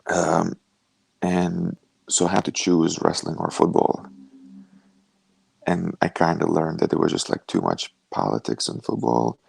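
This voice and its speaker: A young man from Lithuania, a fighter telling his story over a video call in a relaxed, rambling way with lots of "like". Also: sits low, unhurried, gravelly, long pauses, breathy edge, no room sound. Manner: relaxed storytelling, many "like" fillers. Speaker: guest, professional fighter.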